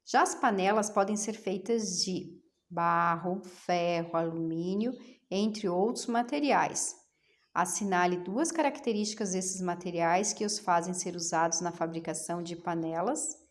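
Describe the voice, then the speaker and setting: A woman's voice: lowish voice, measured pace. A middle-aged woman teacher from Brazil, patiently explaining homework to young pupils and asking them questions to coax answers. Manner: patient, coaxing, asks rhetorical questions. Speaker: schoolteacher.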